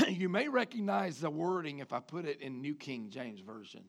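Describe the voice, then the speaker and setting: A man preaching a sermon, swinging from loud emphatic rises to quiet low drops. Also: expressive, moderate pace, gravelly. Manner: preaching with sudden loud rises and soft drops, mimicking guys. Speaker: pastor.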